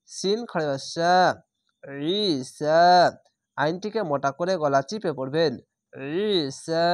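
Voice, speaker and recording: A man's voice: on the high side, dry recording, clean studio sound. A man teaching Quran reading, spelling out each letter and vowel, then chanting the word drawn out. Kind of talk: slow spelled-out tajweed lesson.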